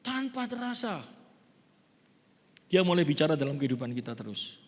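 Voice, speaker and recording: A man preaching a sermon, lively and conversational, acting out quotes. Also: fairly high pitch, moderate pace. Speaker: pastor. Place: large church hall. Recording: long church hall reverb.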